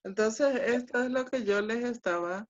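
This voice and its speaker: A woman teaching an online class, speaking slowly and deliberately and checking in with short questions. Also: on the high side. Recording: dull lo-fi online class audio.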